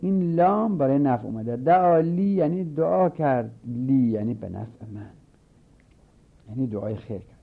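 A man teaching a seminary grammar lesson. He reads a line of the text aloud, then explains it step by step and repeats his examples slowly. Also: medium pitch, lively intonation, vocal fry. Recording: narrow phone-like sound.

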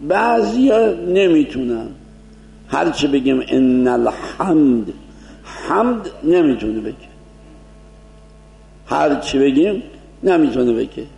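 A man teaching a seminary lecture as a cleric, explaining points and slowly demonstrating Arabic pronunciation. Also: a little high, expressive, gravelly, mellow, echoey room.

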